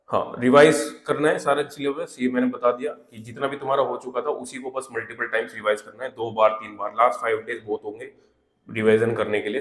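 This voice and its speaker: A man's voice: mid-range voice, a bit bright. A man giving exam preparation tips in a casual, conversational way, often adding little check-in fillers. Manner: conversational, repeats fillers like "theek hai" and "hai na"; reads English notes aloud slowly, word by word. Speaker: exam prep teacher. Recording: echoey room.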